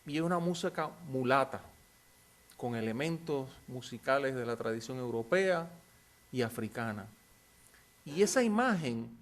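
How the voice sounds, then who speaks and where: A man, lecturing informally and answering questions in an anecdotal way, often seeking agreement with short tag questions. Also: on the high side.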